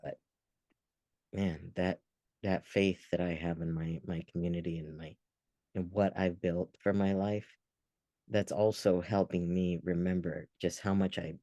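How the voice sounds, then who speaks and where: A man's voice: low voice, little pitch movement, measured pace, warm tone, dry recording. A man co-hosting a podcast, telling a personal story in an earnest, reflective way with frequent restarts. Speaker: podcast co-host. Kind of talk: casual podcast chat.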